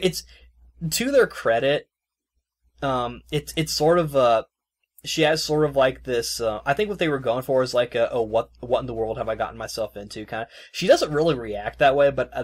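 A man hosting a podcast, chatting casually in a loose, rambling way full of fillers, and laughing easily. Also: medium pitch. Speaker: podcast host reviewing a video game. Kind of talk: casual chat.

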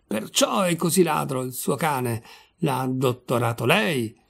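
A man's voice: medium pitch, lively intonation, a little slow, gravelly, a bit bright, breathy edge, exaggerated voice. A man doing a sugary, meek innkeeper. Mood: bitter anger. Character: male village innkeeper, honeyed then quick to fury.

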